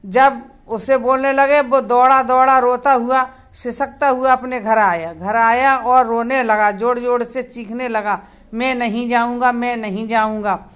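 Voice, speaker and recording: A woman telling a children's story slowly and simply, stopping to ask the kids to count. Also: fairly high pitch, steady tone, clear, resonant tone.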